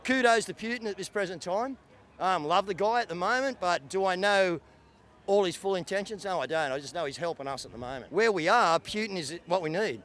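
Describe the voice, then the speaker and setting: A man's voice: sits high, expressive, a little fast, fairly bright tone. A man at an outdoor rally talking in a casual, rambling way in a street interview. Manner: casual, rambling, lots of "you know what I mean". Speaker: rally attendee.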